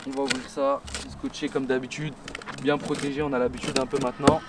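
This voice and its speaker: A man's voice: mid-range voice, little pitch movement, brisk, heavy background noise. A man vlogging casually in French street slang, addressing viewers as mates while presenting a product. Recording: music behind the voice.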